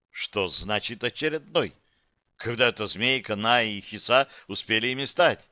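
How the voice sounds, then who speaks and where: A man's voice: mid-range voice, pushed and bright, no echo. A man narrating an audiobook in the first person, in a dry, wry, matter-of-fact way.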